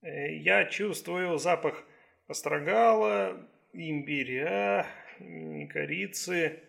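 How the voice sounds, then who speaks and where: Guy narrator putting on a calm herb doctor, kinda higher and slow, little gravelly. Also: full character voice. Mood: measured. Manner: slow, gentle and measured. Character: calm middle-aged male Chinese herbal doctor.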